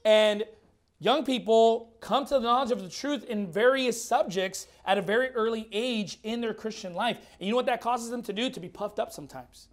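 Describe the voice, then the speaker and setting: With a very high voice at normal speed, a man in his thirties delivers a fiery, blunt sermon in church while his voice is giving out. The pastor speaks emphatically and bluntly, repeating words.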